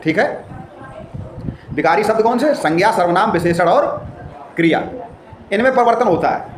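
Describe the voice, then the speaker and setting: A man teaching a grammar lesson. He explains with everyday examples and asks questions as he goes. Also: high-pitched. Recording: echoey room with faint noise.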